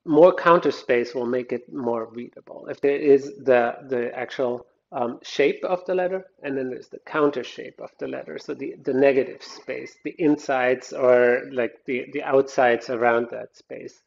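A man's voice: medium pitch, unhurried, vocal fry, few pauses, darkish tone, dull audio. A man teaching a design lecture over slides, explaining step by step and often restarting his sentences. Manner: explanatory, thinks aloud with frequent restarts. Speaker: design instructor.

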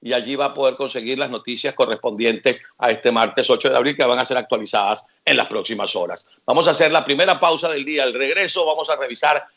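Male news anchor, mid-pitch, conversational delivery with wry asides; repeats key details slowly. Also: vocal fry, pushed and bright. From Venezuela. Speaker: news host. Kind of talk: live news commentary.

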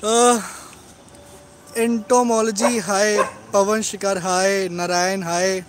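At home among his dogs, a man hosts a casual live stream about them, rattling off greetings to commenters and often tagging on "right?". His voice is high with little pitch movement and a slow pace. The background is noisy.

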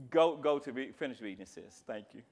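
A man teaching a church Bible class, animated and joking, dropping to quiet asides and rising to shouts. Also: medium pitch.

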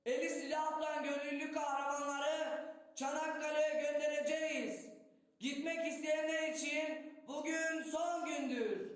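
Town crier, acted by a man in an amateur war play: high-pitched, drawn-out proclaiming, heard from off in an echoey hall. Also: level tone. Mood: solemn, proclaiming. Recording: echoey hall, distant mic.

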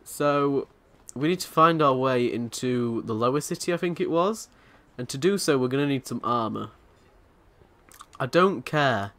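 A man narrating his own game playthrough in a relaxed, offhand voice. He cracks crude jokes and bickers with the characters as he goes. His pitch sits in an ordinary middle range. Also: unhurried. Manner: joking and crude, talking back to the game characters. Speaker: let's play host. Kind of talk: casual gameplay commentary.

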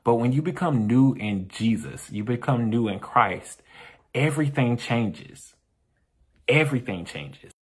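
A man's voice: mid-range voice, expressive, a little slow, slightly rough. A man serving as youth minister, leading an upbeat Bible lesson for young people and asking them questions as he teaches. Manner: upbeat, addresses kids directly with call-and-response questions.

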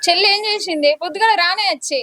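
A woman's voice: very high-pitched, fast, bright, forceful tone, dry recording, studio quality. A woman playing an elder daughter who defends her sister to her father. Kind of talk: village drama acting.

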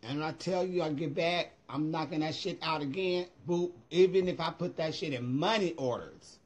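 Give this one to an American man in middle age with a fairly high, raspy-edged voice. He talks in a sassy, emphatic, sweary way, as if chatting casually to followers on a phone livestream from home. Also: moderate pace. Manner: sassy, emphatic, profanity-laced. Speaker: vlogger. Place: small room at home. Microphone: phone at arm's length.

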